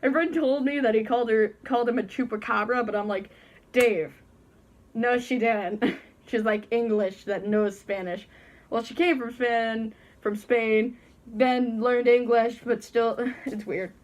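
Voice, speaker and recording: A woman's voice: a little high, steady tone, measured pace, darkish tone, lo-fi sound. A teenage girl casually telling a story from her bedroom while wearing a costume head, chatty and giggly, acting out the people she quotes. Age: teens. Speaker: vlogger.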